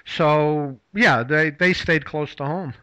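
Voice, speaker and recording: Bright, clear-voiced male talk host. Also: on the high side, slow, no echo, rough recording. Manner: rambling, full of fillers and restarts. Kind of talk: casual talk-show chat.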